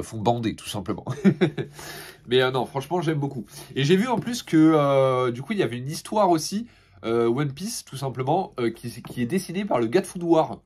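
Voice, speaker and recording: A young man talking through a pile of manga in a laid-back, rambling way. His voice sits at an ordinary pitch for a man, and he fills gaps with hesitations and repeated starts. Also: darkish tone. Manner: laid-back, chatty, many fillers and restarts; laughs between remarks. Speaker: manga reviewer. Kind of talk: casual manga haul review.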